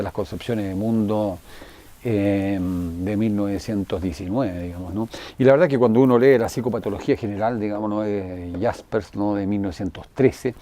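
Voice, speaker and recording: An older man giving a university philosophy lecture, digressive and full of tag questions and fillers, clearing his throat now and then. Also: on the low side, mellow. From Chile.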